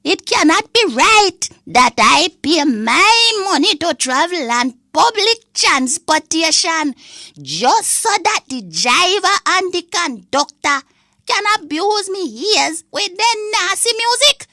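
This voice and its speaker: A woman's voice: very high-pitched, big pitch swings, slow pace, bright, forceful tone, no echo, studio quality, exaggerated voice. A woman voicing a cranky old Jamaican granny in a comic audio rant, indignant and scolding in Patois.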